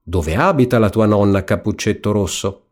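A man voicing a sly, greedy wolf in a spoken storybook, low and coaxing. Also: moderate pace, close to an everyday voice.

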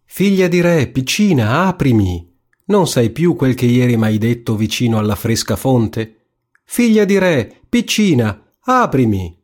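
A man's voice: medium pitch, normal speed, few pauses, dark tone, natural voice. A man voicing a persistent male frog in a storybook reading, coaxing and insistent. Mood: pleading.

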